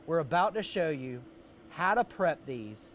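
A man's voice: on the high side, very animated, measured pace. A middle-aged American man hosting a live outdoor cooking show with jolly, hearty, folksy banter. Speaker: host, barbecue cook. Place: outdoor wooden deck. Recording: faint outdoor background noise.

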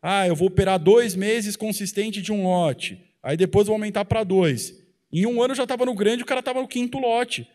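A blunt, colloquial man in his thirties pushes a conference crowd hard, his voice sitting fairly high. He holds a handheld mic close as he talks from the stage of a large hall. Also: moderate pace, a little mellow. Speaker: trader and co-presenter. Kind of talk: motivational talk on stage.

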